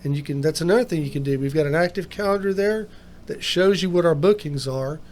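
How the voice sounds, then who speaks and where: A man's voice: fairly high pitch, quick pace, a little mellow. A man hosting a casual podcast, talking in a folksy, upbeat way. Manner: folksy, upbeat sign-off talk. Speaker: podcast host.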